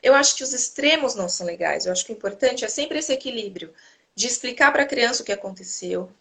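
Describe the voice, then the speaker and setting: A woman hosting a casual chat, a mother telling lively stories and acting out what people say, over a video call. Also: fairly high pitch, quick pace, gravelly. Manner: animated, acts out quotes while telling stories. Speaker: host; mother of a toddler.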